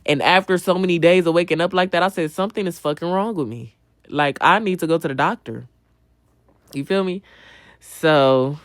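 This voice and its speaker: A young adult woman with a fairly low voice hosts a livestream, chatting casually as she answers viewers. She's blunt, slangy and swears constantly, often repeating a phrase for emphasis, and the recording is dry with clean studio sound.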